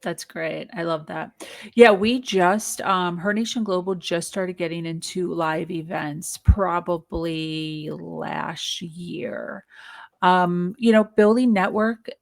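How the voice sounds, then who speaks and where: A woman's voice: lowish voice, slow, vocal fry, dry recording, clean studio sound. A woman entrepreneur as an interview guest, speaking upbeat and earnest about motivation. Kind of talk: casual interview chat.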